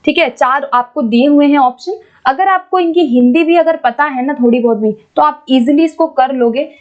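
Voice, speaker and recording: A woman teaching an exam-prep lesson, patiently explaining and reading English questions out slowly. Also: high voice, lo-fi sound. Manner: explains patiently, repeats points, keeps checking with "ठीक है".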